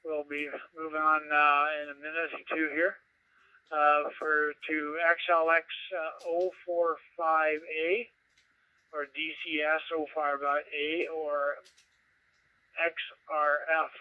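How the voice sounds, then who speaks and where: A man runs an amateur radio net, his slightly high, smooth voice coming through a scanner radio. The sound is dry and dull, like a lo-fi radio receiver. He talks haltingly with many fillers as he reads out call signs. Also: monotone, dry recording. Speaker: net control.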